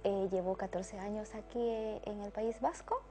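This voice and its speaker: Soft-spoken woman from El Salvador. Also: mid-range voice, steady tone, moderate pace, over loud music. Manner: reflective, uses fillers like "¿no?". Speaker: interviewee in a video. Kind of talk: casual testimony.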